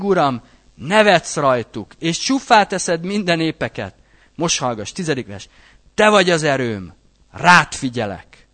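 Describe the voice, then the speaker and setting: Guy preaching, reads the verses then explains em, super animated pitch jumping all over. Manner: animated, conversational, often asks listeners "you know?". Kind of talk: sermon.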